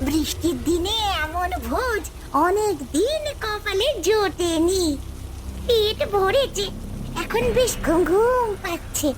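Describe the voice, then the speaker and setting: A woman's voice: extremely high pitch, expressive, takes it slowly, full character voice. A woman voicing a sneaky, greedy female ghost in a cartoon story. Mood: sated, drowsy. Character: hungry, sneaky female ghost who eats raw ducks. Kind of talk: Bengali animated ghost story. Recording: music under the voice.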